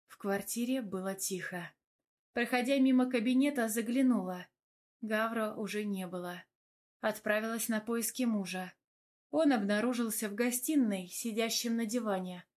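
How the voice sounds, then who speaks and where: A woman narrating a first-person romance novel in a smooth, even storytelling voice. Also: on the high side. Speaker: audiobook narrator.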